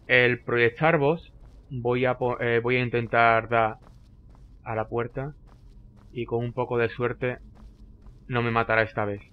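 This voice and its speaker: A man talks through his own gameplay as it happens, at a mid pitch. He gets excitable and fires off the same short phrases again and again when things turn tense. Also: measured pace, long pauses, clear, resonant tone, narrow, tinny audio. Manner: excitable, frequently repeating short phrases under pressure. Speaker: gameplay commentator. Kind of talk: live gameplay commentary.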